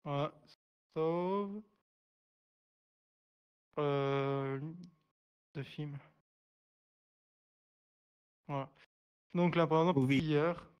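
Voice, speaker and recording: A man leads a live online sign language class, speaking slowly in a slightly raised voice. He hesitates constantly, fills gaps with little sounds and restarts his phrases. He repeats each word patiently as he demonstrates the sign. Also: fairly high pitch, clean tone, muffled recording. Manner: hesitant, many fillers and restarts.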